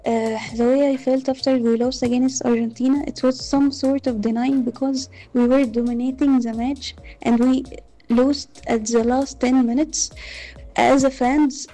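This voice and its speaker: Female fan from Egypt, high monotone, earnest and halting. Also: faint music behind, poor audio. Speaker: football fan. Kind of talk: recorded testimony.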